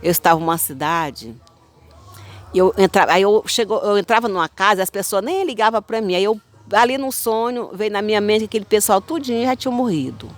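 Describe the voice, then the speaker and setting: Brazilian woman in her fifties, rambling. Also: mid-range voice. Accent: Brazilian Portuguese. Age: 50s. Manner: rambling, repetitive, halting storytelling. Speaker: spiritual channel host. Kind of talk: personal testimony of dreams.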